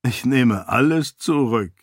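A man's voice: medium pitch, lively intonation, takes it slowly, husky, no echo, studio quality. A man reading an audiobook, voicing a fond, worried king who talks to his daughter in a fatherly way. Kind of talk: audiobook character voice.

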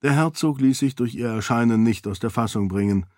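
A man reading an audiobook as narrator, at a slow, even pace. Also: mid-range voice, no echo, studio quality. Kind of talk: scripted narration.

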